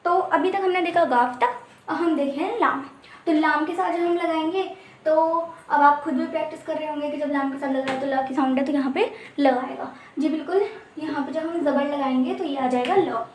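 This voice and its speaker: A woman teaching a casual language lesson, slowly drilling letter sounds one by one in a patient, explanatory way. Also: sits high. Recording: echoey room with faint noise.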